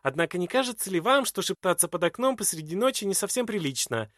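A man reading an audiobook, voicing a stiff, polite gentleman suitor who speaks formally. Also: high-pitched, sing-song, quick pace, dry recording, clean studio sound, voice pushed up. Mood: prim. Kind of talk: audiobook character voice.

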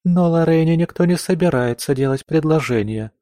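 A man voicing a tearful, petulant young noblewoman who whines, sobs and flares up quickly. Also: fairly high pitch, darkish tone, no room sound, studio quality, voice pushed up, natural voice. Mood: sulky. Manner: whiny and sobbing, quick to anger.

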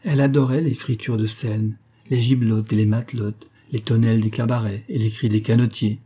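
A man reads a classic novel aloud in a measured, steady storytelling voice. His tone is dark and mellow, with a husky edge. The delivery stays even and unhurried. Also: fairly low pitch. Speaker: audiobook narrator. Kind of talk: literary audiobook narration.

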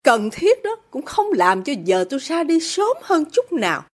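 A woman voices a proud young woman turning on her rich father. She speaks coldly and bitterly, her high voice leaping with scorn. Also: very animated, moderate pace. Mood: defiant. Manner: cold, defiant, bitter.

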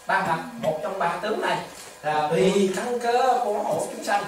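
A Buddhist monk giving a dharma talk to lay followers, with repetitive, animated storytelling and rhetorical questions. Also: medium pitch, normal speed. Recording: echoey hall, distant mic, faint ambience.

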